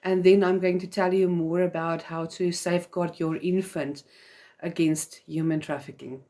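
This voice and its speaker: A woman whose first language is Afrikaans speaks English with a South African accent while hosting a live video for mothers. Her mellow voice is on the low side with little pitch movement, at a moderate pace, and she talks earnestly and chattily with frequent fillers.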